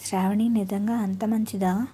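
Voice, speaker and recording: A woman voicing a patient young wife in a storybook who gently coaxes and pleads. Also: medium pitch, level tone, moderate pace, a little hiss or hum, close to an everyday voice. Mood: coaxing. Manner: gentle coaxing pleas.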